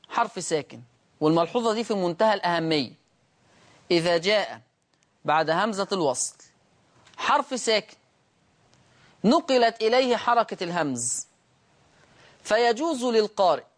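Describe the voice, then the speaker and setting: A man with an Egyptian accent teaching a Quran recitation lesson, who repeats each word slowly and asks and then answers his own questions. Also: high-pitched. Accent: Egyptian Arabic.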